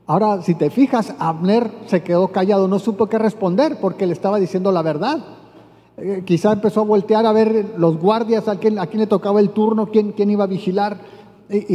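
A man's voice: sits high, warm tone, muffled recording. A man preaching a sermon, retelling a scripture story and raising his voice for the quoted lines. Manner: retells scripture, voicing quotes with rising emphasis. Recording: long hall reverb.

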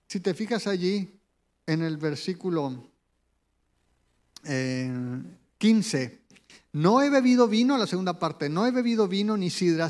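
High-voiced preacher in a reverberant hall. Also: male voice, darkish tone. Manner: conversational preaching, asks the listener questions. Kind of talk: sermon.

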